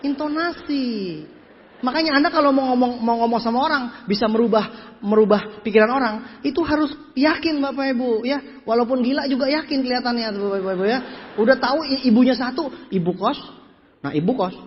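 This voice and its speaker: Male motivational speaker, very high voice, animated anecdotal delivery, echoey hall. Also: a little fast. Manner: animated, mimics people in his anecdotes, repeats words for emphasis. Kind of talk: lively storytelling seminar talk. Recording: echoey hall, muffled lo-fi sound.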